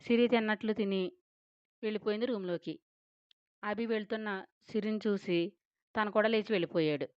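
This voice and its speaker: A woman's voice: mid-range voice, fairly quick, long pauses, clean tone, no echo. Woman storyteller, dry dull recording. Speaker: storyteller, channel host. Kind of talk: scripted audio-story narration.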